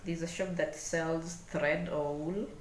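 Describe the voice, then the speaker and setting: A woman with a Kenyan accent giving an unscripted hands-on craft demonstration, speaking haltingly and repeating words as she works. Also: sits low, fairly even intonation. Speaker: craft tutorial host. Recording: echoey room, clear background noise.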